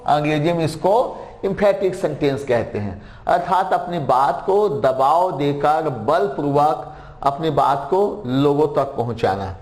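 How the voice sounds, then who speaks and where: A man's voice: fairly high pitch, darkish tone, roomy sound. A man teaching a grammar lesson, repeating key phrases and examples and reading sentences out word by word. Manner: reads English sentences word by word.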